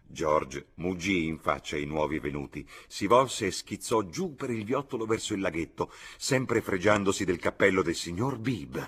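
A man reading a novel aloud in a measured, expressive audiobook narration. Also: deep voice, slightly rough. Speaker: audiobook reader.

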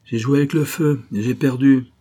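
A man's voice: medium pitch, steady tone, moderate pace, mellow, pitched above the performer's own voice, lightly acted. A man voicing a brave, composed older spinster in an audiobook, speaking firmly and with dignity.

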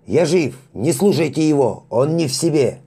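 A man voicing a desperate male spacefarer who shouts to prove he is alive, in a raised, strained voice. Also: high voice, big pitch swings, unhurried, slightly rough, voice pushed up, heavily acted. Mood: desperate shouting. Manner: shouting, indignant.

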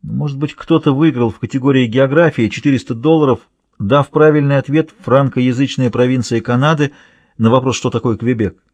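A man voicing a calm woman police interviewer who asks mild, coaxing questions. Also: medium pitch, a little fast, no room sound, natural voice. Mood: gentle.

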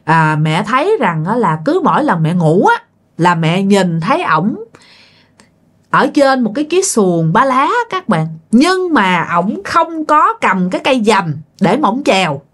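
A woman with a Southern Vietnamese accent telling a ghost story at a middling pitch. She is chatty and talks straight to her listeners. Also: big pitch swings, unhurried, fairly bright tone. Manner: chatty, addresses listeners directly.

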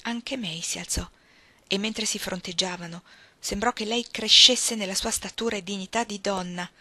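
A woman narrating a novel in a steady, clear audiobook reading. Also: medium pitch, normal speed, no room sound. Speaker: reader.

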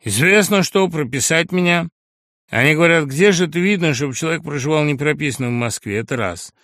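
A man's voice: on the high side, lively intonation, fairly quick, a bit bright, no room sound, clean studio sound. A man putting on a cocky, crude young upstart. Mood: smug. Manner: cocky, mocking, aggrieved and insistent. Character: crude brash young man, newly made from a dog. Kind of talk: audiobook character reading.

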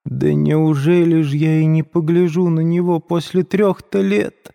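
A man reading the part of a timid, anxious older mother, raising his voice high and pleading. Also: steady tone, a little slow, dark tone, big-room sound. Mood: frightened pleading.

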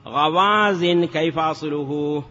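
A man's voice: fairly high pitch, slow pace, sharp tone. A man teaching Arabic morphology in a lesson, chanting word forms and asking rhetorical questions. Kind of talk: classroom lesson. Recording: dull lo-fi sound with long reverb.

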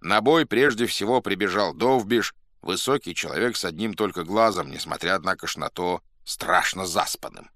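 A man narrating a classic story in an expressive, theatrical reading. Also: deep voice, normal speed, hardly any pauses, dry recording, clean studio sound. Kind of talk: scripted audiobook narration.

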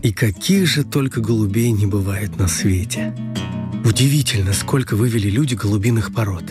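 A man's voice: on the low side, normal speed. Male storyteller over guitar music. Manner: even, storytelling. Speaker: audiobook narrator. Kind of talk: scripted story narration.

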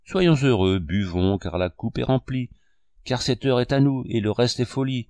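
A man's voice: medium pitch, normal speed, darkish tone, no room sound, close to an everyday voice. A man reading the part of a middle-aged amateur actor who declaims love verse in a sugary, theatrical way. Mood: declaiming.

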